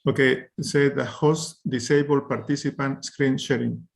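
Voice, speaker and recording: A man speaking over a video call as keynote speaker, thinking aloud in halting phrases while working through screen-sharing settings. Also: medium pitch, fairly even intonation, vocal fry. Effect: heard over a video call.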